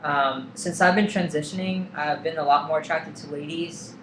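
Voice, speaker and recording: A young man vlogs to camera in a casual, candid way, his slightly high voice fairly even in intonation and normal in speed. He hesitates a lot, filling gaps with ums and likes. The room is echoey, with a faint hum in the background.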